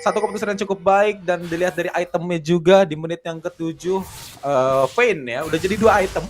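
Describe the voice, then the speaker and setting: A man with a colloquial Jakarta Indonesian accent giving excited analytical game commentary, exclamatory and full of English gaming terms. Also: high-pitched, fairly quick, music in the background.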